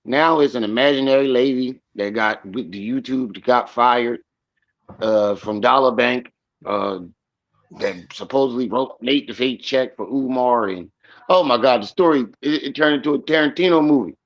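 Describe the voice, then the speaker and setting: A man co-hosts a live stream with casual commentary chat, rambling and restarting his sentences often. His mid-range voice comes at a moderate pace through a muffled recording.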